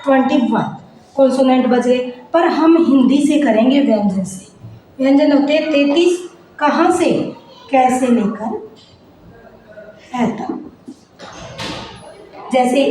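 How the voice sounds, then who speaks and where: A woman teacher with a high but dark voice gives a grammar lesson, asking the class questions and then answering them herself. The room is very echoey, with faint noise.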